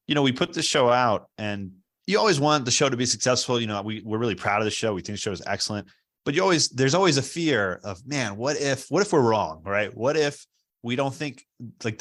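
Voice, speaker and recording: A man's voice: medium pitch, fairly bright tone. A man hosting a podcast, asking long, chatty questions padded with fillers. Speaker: podcast host. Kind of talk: casual interview questions.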